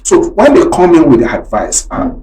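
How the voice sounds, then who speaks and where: Nigerian English man, radio guest, earnest and hesitant, somewhat high pitch, echoey room. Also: huge pitch swings, moderate pace, mellow, distant mic, slight background noise. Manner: earnest, hesitant, with frequent restarts. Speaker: local government chairman, studio guest. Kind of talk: radio interview.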